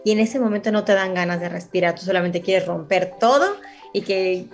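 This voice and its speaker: A woman's voice: mid-range voice, fairly quick, faint music behind. A woman, a psychologist interviewed on a children's radio show, explaining patiently and checking in with her listeners. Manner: patient, explanatory, often asks the listener "¿verdad?". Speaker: psychologist guest.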